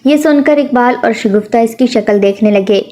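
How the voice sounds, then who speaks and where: A woman narrating a sad family story in a steady, emotional storytelling manner. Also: a little high.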